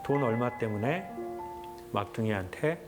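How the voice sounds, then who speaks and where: A man lecturing in an earnest, reflective way, telling a personal story in short, measured phrases. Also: medium pitch, animated. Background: background music.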